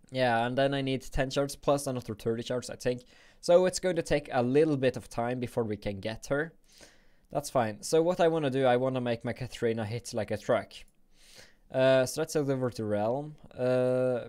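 A young man from Norway, thinking aloud and grumbling playfully while live-streaming a game at his home computer on a boom-arm desk mic. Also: darkish tone. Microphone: desk microphone on a boom arm.

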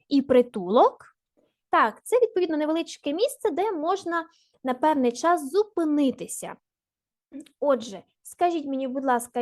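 Slow, high-voiced woman teacher. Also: no echo, studio quality. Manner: slow, deliberate, spelling out word parts. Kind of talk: recorded grammar lesson for children.

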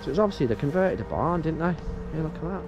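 Over background music, a fast-talking man with a sing-song voice on the high side wanders an abandoned outdoor site. He keeps up casual, thinking-aloud commentary and often addresses his viewers as "guys".

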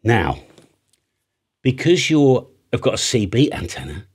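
Working close to a large studio microphone on a boom arm in a small home studio, a husky-voiced British amateur radio operator and antenna maker in his fifties gives an informal lesson. He uses a mid-range voice with big pitch swings at a measured pace, staying chatty and plain-spoken and often asking "right?" and "okay?"

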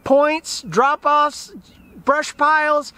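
A man's voice: very high voice, drawn-out words. A man, talking casually and eagerly to the camera about fishing, outdoors by a river. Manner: enthusiastic, plain-spoken, animated hand gestures. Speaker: fishing channel host.

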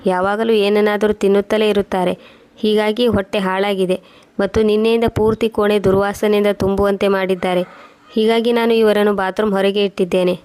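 A cruel, careless young sister-in-law talks down to the family, as a woman narrator reads her lines. The voice barely moves in pitch, and the delivery stays plain and level throughout. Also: a little fast, lightly acted. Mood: dismissive. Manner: flat, even reading.

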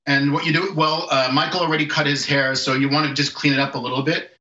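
A man in his forties walks viewers through a home haircut, his voice bright and a little high, chuckling between easy instructions. He comes through a distant camera in a roomy home space, and the call audio sounds dull and lo-fi. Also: level tone, fast. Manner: laughs often, easygoing instructions. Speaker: barber giving a haircut lesson. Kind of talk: casual how-to demonstration over video call. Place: home room with sloped ceiling. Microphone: video call from far camera.

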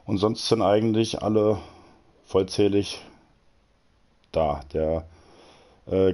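A man commentates a live sim racing broadcast in a chatty, joking way, reading out the standings and greeting viewers. His voice is on the low side and mellow.

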